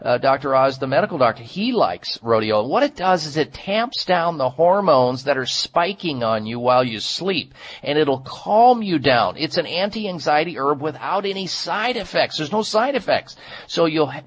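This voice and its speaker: A man's voice: fairly high pitch, fairly bright tone. A man hosting a health radio show, giving advice and product endorsements, with dull lo-fi sound.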